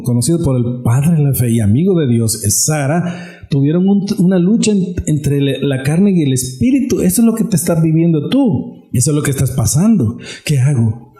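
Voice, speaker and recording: A man's voice: fairly high pitch, mellow, echoey room. A male pastor preaching a sermon, emphatic and repetitive, addressing the congregation directly.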